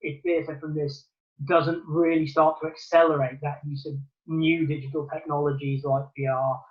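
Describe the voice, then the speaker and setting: The audio is dull as a Newcastle man, a theatre producer from England, answers a remote interview earnestly and thoughtfully. He talks at a moderate pace in a somewhat high, flat voice, with frequent ums and restarts.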